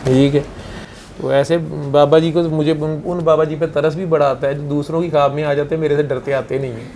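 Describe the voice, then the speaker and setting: A man's voice: a little high, fairly even intonation, fairly quick, very noisy. A man with a Punjabi accent giving an informal spiritual talk to his followers. He talks conversationally, asks rhetorical questions and drops into Punjabi phrases. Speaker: spiritual healer.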